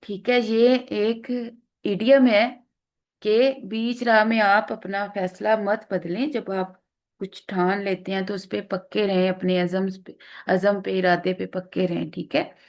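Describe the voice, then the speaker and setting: A woman's voice: medium pitch, little pitch movement, unhurried. A woman teaching exam vocabulary, explaining patiently with frequent fillers and restarts, mixing English terms into her speech. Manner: explains patiently, repeats words, many fillers; mixes English terms into Urdu-Hindi speech.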